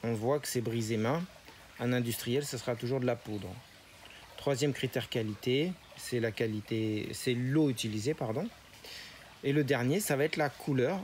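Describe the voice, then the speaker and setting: Man calmly explaining his farm work. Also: mid-range voice, moderate pace. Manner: patient, step-by-step explaining. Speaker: spirulina farmer. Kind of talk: explanatory interview. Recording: noisy ambient background.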